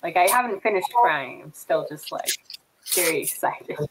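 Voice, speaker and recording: A woman's voice: lowish voice, lively intonation, moderate pace. A woman playing a tabletop game, talking in an emotional, gushing way. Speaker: player. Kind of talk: casual tabletop play. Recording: faint hiss.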